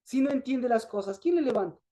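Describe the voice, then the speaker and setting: A woman's voice: a little high, expressive, a little fast, warm tone. A woman preaching a sermon, asking her listeners questions and answering them herself, repeating herself for emphasis. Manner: repetitive, emphatic.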